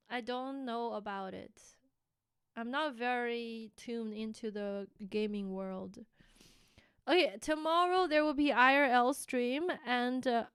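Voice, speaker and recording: Bright, clear-voiced woman streamer. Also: high-pitched, no echo, studio quality. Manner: chatty and giggly, many fillers, musing over English words. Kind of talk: casual live-stream chat.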